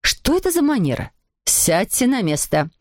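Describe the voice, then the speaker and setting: A woman's voice: a little high, very animated, normal speed, no room sound, clean studio sound. A woman reading aloud voices a strict schoolteacher who gives formal orders. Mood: stern. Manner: scolding, formal. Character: strict female schoolteacher, stern and commanding.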